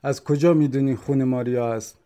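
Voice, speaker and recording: A man's voice: mid-range voice, fairly even intonation, mellow, natural voice. A man voicing a stern, mocking police officer during an interrogation. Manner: cold, mocking.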